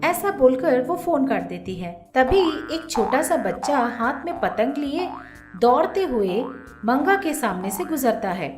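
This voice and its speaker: A woman narrating a cartoon story in a lively, expressive storytelling manner. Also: high voice, a little slow. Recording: roomy echo with faint music.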